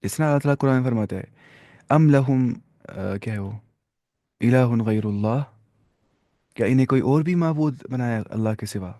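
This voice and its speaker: Mellow-voiced man teaching Arabic grammar. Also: medium pitch, no echo, clean studio sound. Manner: explains in Urdu mixed with English, reads Arabic examples slowly; conversational, with fillers and self-corrections. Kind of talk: explanatory grammar lesson.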